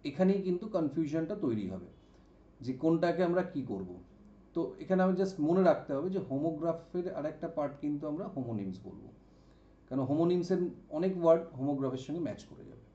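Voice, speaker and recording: Mellow-voiced man teaching vocabulary. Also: on the high side, animated. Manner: explains slowly, repeats words and asks "ok?". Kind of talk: exam-prep lesson. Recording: dull, echoey room sound.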